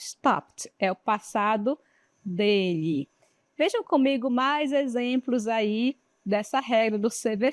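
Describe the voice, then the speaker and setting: Slow, patient Brazilian teacher woman. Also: fairly high pitch, no echo. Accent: Brazilian Portuguese. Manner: explains step by step, checks understanding with frequent tag questions. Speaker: English teacher. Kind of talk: classroom lesson. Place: studio.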